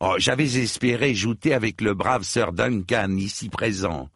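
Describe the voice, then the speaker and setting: A man's voice: lowish voice, normal speed, a bit bright, breathy edge, no room sound, clean studio sound, pitched above the performer's own voice. A man voicing a whimsical young fiddler in a storybook reading, speaking in an airy, theatrical, dreamy way. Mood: grandiose.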